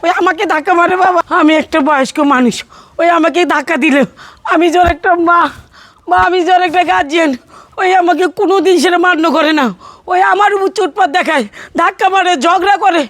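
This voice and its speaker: Shrill quarrelsome elderly mother-in-law, high-pitched, woman cast. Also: a little fast, no room sound. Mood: aggrieved. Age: older. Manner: shouting, accusing, repetitive demands. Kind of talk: melodramatic family drama acting.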